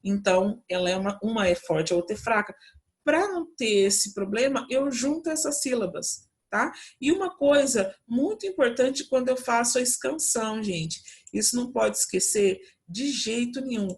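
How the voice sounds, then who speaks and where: A woman's voice: on the high side, expressive, normal speed. A Brazilian woman who teaches Portuguese, giving a class from home and explaining step by step with frequent checks on her students. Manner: explains patiently, lots of checking "né?" and "tá?".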